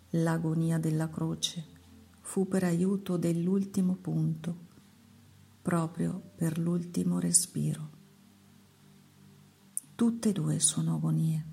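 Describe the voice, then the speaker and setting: Woman reading the Lord, hushed and gravelly. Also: low-pitched, full character voice. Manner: slow, measured, hushed recitation. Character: the Lord, a solemn male divine voice. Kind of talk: devotional reading.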